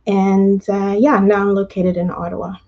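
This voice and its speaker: Mellow-voiced woman on a muffled call. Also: medium pitch, flat delivery, moderate pace. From Canada. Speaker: guest, career coach. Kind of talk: conversational interview answers.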